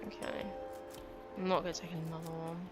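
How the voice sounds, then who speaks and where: A woman's voice: deep voice, flat delivery, brisk. A woman playing a story game and chatting casually in self-deprecating asides. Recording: game music behind.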